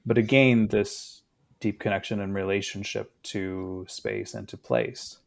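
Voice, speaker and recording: A man in his thirties, a guest in a casual conversation, talking in a reflective, unhurried way with fillers. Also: lowish voice, fairly even intonation, vocal fry.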